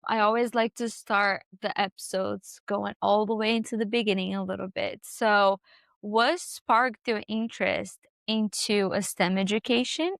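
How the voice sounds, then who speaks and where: Woman podcast host, mid-pitched and clear; bubbly, encouraging interviewer. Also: fairly bright tone, dry recording, studio quality. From Brazil. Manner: upbeat, enthusiastic, encouraging.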